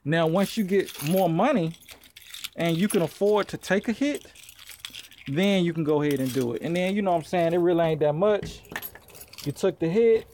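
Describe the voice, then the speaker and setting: A blunt, slangy man with a high voice gives casual vlog advice from his small office. He talks straight at the viewer with the loose ease of someone who runs his own used-car business, with faint noise in the background. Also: moderate pace, a little mellow.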